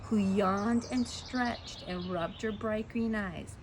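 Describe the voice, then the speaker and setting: A woman's voice: medium pitch, slow pace, background noise. A woman reading a children's story aloud, playful, stretching dramatic words and asking the listener questions.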